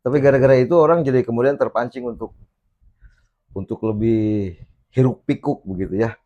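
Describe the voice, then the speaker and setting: A man talking on a casual podcast, explaining his views slowly and thoughtfully with pauses and fillers. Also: mid-range voice, mellow, dull audio. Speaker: podcast guest speaker, [name]. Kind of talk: casual reflective podcast talk.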